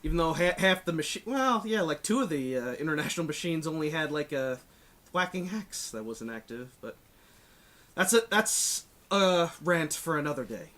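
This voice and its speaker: Man, podcast host, bright voice, high and animated, rambling casual talk. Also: normal speed. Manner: rambling, self-interrupting, laughs often.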